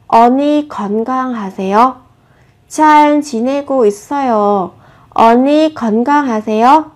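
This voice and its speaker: Woman teacher going over korean phrases, asks lots of questions, kinda high voice. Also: darkish tone. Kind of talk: explaining Korean phrases in Vietnamese.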